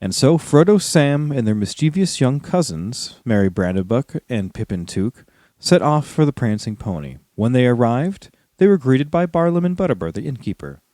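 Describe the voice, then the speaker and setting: Male podcast co-host, playful reader, lively pitch. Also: normal speed, hardly any pauses, no room sound, clean studio sound. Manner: reads with put-on character voices, breaks into laughter. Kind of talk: casual reading aloud to friends.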